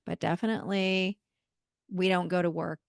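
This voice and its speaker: A woman's voice: fairly low pitch, fairly even intonation, moderate pace, gravelly, dry recording, clean studio sound. A woman hosting a podcast interview, affirming her guest in casual chat. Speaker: podcast host.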